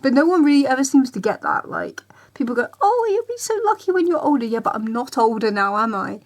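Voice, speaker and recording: Speaking quickly in a high, sing-song voice, this vlogger in her 20s rants casually to the camera. She rambles, says things over again, keeps up a chatty flow and voices how others reacted.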